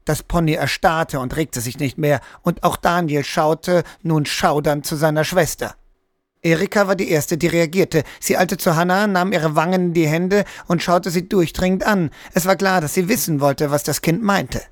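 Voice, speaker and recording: A man reading a story aloud as narrator, in steady, scripted storytelling that lifts for the characters' quoted lines. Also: on the high side, normal speed, dry recording, studio quality. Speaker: audiobook narrator.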